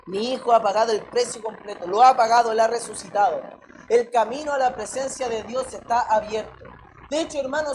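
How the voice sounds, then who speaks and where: Preaching a sermon against a noisy background, a Chilean woman speaks in a fairly high voice. She talks emphatically, poses many rhetorical questions, and often addresses her listeners as "brother."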